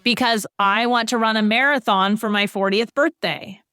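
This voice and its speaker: A woman's voice: fairly high pitch, normal speed, sharp tone, smooth, no echo, studio quality. Woman explaining habits on a podcast. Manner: explanatory, lists everyday examples. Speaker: financial podcast guest. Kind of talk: conversational podcast advice.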